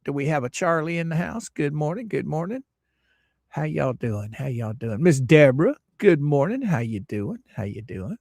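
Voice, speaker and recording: A man's voice: a little high, big pitch swings, moderate pace, vocal fry, darkish tone, dry recording, clean studio sound. Chatty American man hosting a livestream. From United States. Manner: greets viewers by name, loose and chatty; opinionated, rambling asides. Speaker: livestream host. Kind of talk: casual livestream chat.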